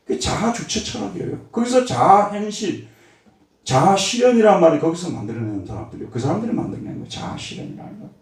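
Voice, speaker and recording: A man's voice: sits high, sing-song, quick pace. A man preaching a sermon as pastor, emphatic and full of rhetorical questions, heard in a church sanctuary. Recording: very echoey church hall from far off.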